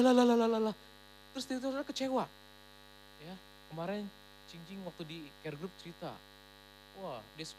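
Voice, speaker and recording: A woman pastor giving a sermon at a church service in a lively, emphatic way, slipping English phrases into her talk. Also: fairly low pitch, a little hiss or hum, low-quality recording.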